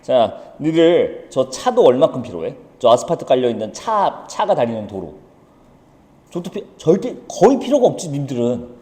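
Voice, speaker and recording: A man teaching a lively economics lesson, blunt and teasing, firing off quick rhetorical questions. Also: medium pitch. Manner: blunt and teasing, swears at students. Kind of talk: lively lecture. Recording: echoey room with long reverb.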